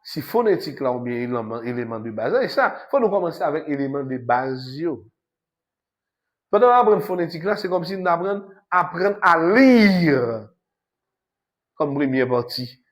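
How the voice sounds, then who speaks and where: Casting: Haitian-accented male lecturer, slightly high voice, emphatic and repetitive classroom delivery. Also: lively intonation, moderate pace. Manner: switches between French and Haitian Creole, repetitive, emphatic. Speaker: university lecturer.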